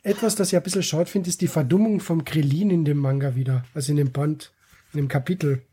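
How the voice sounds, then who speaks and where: A man's voice: on the high side, fairly even intonation, fast, warm tone, slightly rough. A man co-hosting a podcast, casually and animatedly picking apart manga details. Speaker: podcast co-host. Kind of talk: casual chat reviewing manga.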